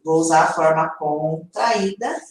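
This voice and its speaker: A Brazilian woman teaching English in a live online lesson, explaining slowly and checking in with her viewers. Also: sits low, heavy reverb, distant mic, low-quality recording. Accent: Brazilian Portuguese.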